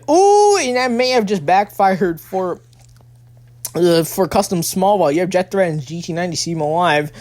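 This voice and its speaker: A race commentator giving excited play-by-play, breaking into sudden exclamations, often stumbling, restarting phrases and correcting calls. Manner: excitable, bursts into high exclamations then settles.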